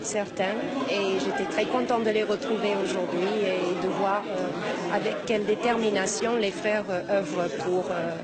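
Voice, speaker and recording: A woman's voice: medium pitch, fairly even intonation, normal speed, over a noisy crowd. A woman from the United States interviewed at an event, speaking with pleasure and some hesitation.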